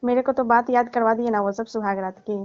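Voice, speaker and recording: A middle-aged woman on a comic phone call chats casually, coy and teasing, scolding in fun. She speaks fairly quickly in a high-ish voice with a steady tone, and the recording is dry, dull lo-fi phone audio.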